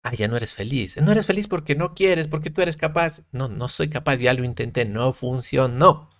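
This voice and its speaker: A man's voice: mid-range voice, expressive, normal speed, no room sound, studio quality. A man talking as a guest on a podcast, earnest and reflective, stressing his points as he tells stories from his own life. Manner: earnest, reflective, emphatic storytelling with restarts. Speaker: podcast guest, content creator. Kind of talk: casual podcast conversation.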